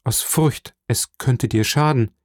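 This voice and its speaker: A man reading an audiobook, voicing a frail, gentle old father who speaks softly and wearily. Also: medium pitch, slow pace, dry recording, clean studio sound, voice pushed up, close to an everyday voice. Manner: soft, weary, hesitant. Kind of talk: audiobook character voice.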